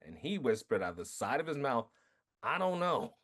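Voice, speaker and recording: A man being interviewed about his film, telling animated stories, acting out quotes and laughing often. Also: medium pitch, moderate pace. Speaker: filmmaker guest. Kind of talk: casual interview storytelling.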